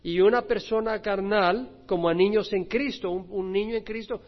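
Male pastor, high voice, lively sermon delivery that swings loud and soft, dull lo-fi sound. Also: normal speed. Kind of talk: expository sermon. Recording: dull lo-fi recording.

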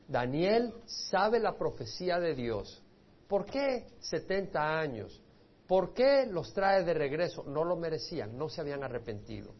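A man's voice: a little high, expressive, a little slow, lo-fi sound. A man, a pastor, giving a Bible study sermon. He reads scripture aloud with rising force, then explains it in a speaking voice.

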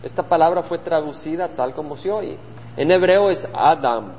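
Male pastor, high voice, earnest Bible teaching, repeats phrases; lo-fi hall recording with faint hum. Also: moderate pace. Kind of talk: Bible study sermon. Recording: dull lo-fi sound with hall reverb and faint hum.

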